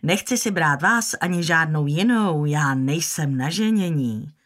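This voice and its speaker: Woman playing a mocking grown man, audiobook character, dry teasing delivery, low voice. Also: animated. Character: mocking self-assured grown man, cynical charmer.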